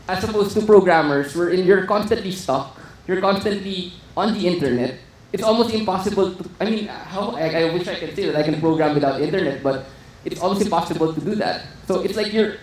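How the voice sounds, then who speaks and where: A man giving a conference talk, hesitant and full of fillers and restarts. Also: fairly high pitch. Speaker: conference speaker. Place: conference hall. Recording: echoey hall with faint noise.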